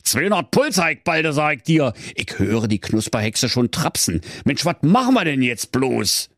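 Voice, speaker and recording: A man's voice: mid-range voice, big pitch swings, moderate pace, a bit bright, dry recording, clean studio sound, pitched above the performer's own voice. A man voicing a cocky, bossy teenage male wolf with a thick Berlin dialect and brash slang.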